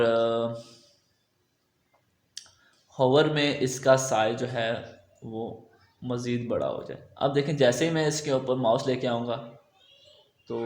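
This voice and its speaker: A man giving a relaxed, thinking-aloud screen-recorded software tutorial, full of okays and fillers. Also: mid-range voice, roomy sound. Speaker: web design tutor.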